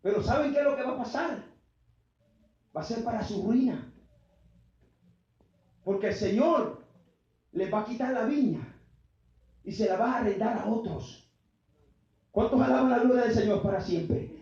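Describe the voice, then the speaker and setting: A man preaching a fervent sermon, building to shouts, with his congregation called to answer. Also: very high voice, moderate pace, pauses often. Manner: fervent call-and-response preaching, often shouting. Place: church sanctuary. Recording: very echoey, muffled church PA sound.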